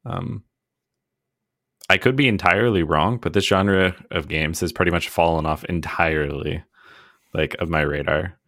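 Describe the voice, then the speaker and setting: A man with a very deep, low voice, talking in a relaxed podcast chat. He rambles good-naturedly, pokes fun at himself and breaks into laughter often. The sound is close and dry, with no room echo. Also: normal speed. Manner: chatty and self-deprecating, often laughing. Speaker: podcast co-host. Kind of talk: casual chat.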